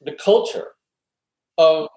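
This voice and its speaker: Slow and dark-toned, a guest philosophy professor answers in an academic interview, explaining and arguing his views earnestly but conversationally. Echoey room sound fills the recording.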